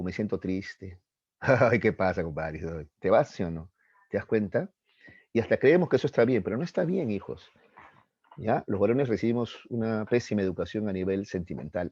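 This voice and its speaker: Guy, psych teacher lecturing teens, low voice, pops into funny voices, flat dry muffled recording. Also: breathy edge, no echo. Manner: animated, acts out voices and questions with rising pitch. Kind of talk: classroom lecture to teenagers.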